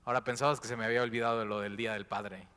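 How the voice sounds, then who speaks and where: A man preaching a sermon as pastor, moving between hushed, intimate passages and loud, impassioned ones. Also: mid-range voice, little pitch movement, very fast, smooth. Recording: long hall reverb.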